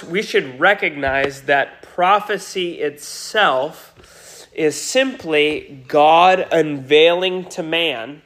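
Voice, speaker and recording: A man's voice: fairly high pitch, fairly bright tone. A pastor giving a Sunday sermon, his voice nasal today, speaking earnestly with frequent restarts. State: nasal from a cold.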